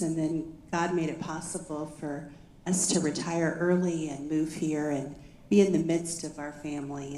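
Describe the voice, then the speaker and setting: Older woman, retired pastor, low mellow voice, echoey hall. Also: a little hiss or hum. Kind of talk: panel sharing.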